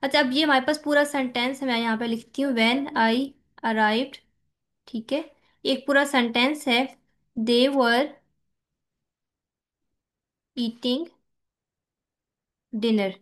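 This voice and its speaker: A Pakistani woman gives a lecture in a high, light voice. She talks her students through a text, drops in English terms, and slows right down to read English lines. She keeps checking in with short asides. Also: fairly even intonation, fairly bright tone. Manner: mixes Hindi-Urdu with English terms, reads English lines slowly, says "ठीक है" often. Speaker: teacher.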